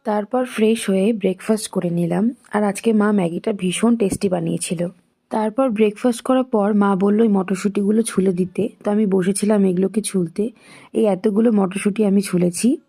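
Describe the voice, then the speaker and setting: A young woman's voice, hoarse and a little husky from a cold, with a soft, mellow tone. She speaks, narrating her day in a casual vlog voice-over. She talks straight to her viewers in an easy, chatty way. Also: medium pitch. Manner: chatty, addresses viewers directly. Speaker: vlogger.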